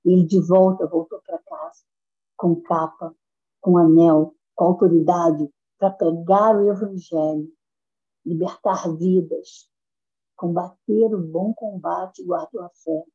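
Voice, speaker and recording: Fervent woman preaching, husky and warm. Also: fairly even intonation, measured pace. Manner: fervent, rising to high emphatic pitch. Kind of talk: sermon. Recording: dull lo-fi sound.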